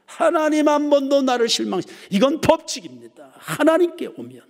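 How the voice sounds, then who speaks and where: Dramatic high-voiced male pastor preaching. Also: huge pitch swings, moderate pace. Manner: dramatic, swings from ringing emphasis to hushed near-whispers. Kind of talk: sermon. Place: church sanctuary. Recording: reverberant church hall.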